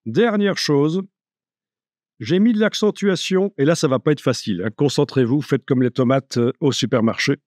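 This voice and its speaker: A man giving a live software tutorial, chatty and joking, thinking aloud as he works. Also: on the high side, normal speed, no room sound, clean studio sound. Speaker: software instructor.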